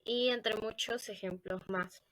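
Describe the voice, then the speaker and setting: A woman with a Latin American Spanish accent talks through a class presentation at a middle pitch. She hesitates often, trips over words and starts them again. Her voice is recorded close and dry on a computer mic. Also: fairly even intonation, slow, fairly bright tone, dry recording, poor audio. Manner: hesitant, with fillers and self-corrections. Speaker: student presenter. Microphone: computer microphone.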